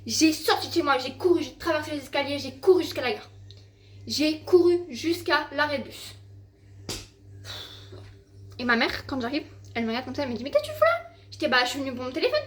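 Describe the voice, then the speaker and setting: A woman's voice: sits high, fairly quick, pauses often, background noise. A teenage girl vlogging at home into her handheld phone, rambling with lots of fillers and casual swearing. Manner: rambling, filler-heavy, swearing, exasperated storytelling. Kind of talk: casual vlog chat to camera.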